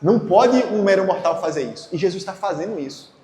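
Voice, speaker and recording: A man's voice: high voice, lively intonation, fairly quick, darkish tone, slight background noise. A man preaching a teaching sermon and asking his listeners rhetorical questions. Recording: echoey hall.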